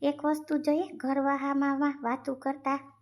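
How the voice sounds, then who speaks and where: A woman's voice: sits high, flat delivery, moderate pace, natural voice. A woman voicing an elderly, worn-out mother who keeps complaining and scolding. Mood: grumbling. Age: older. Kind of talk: cartoon family drama.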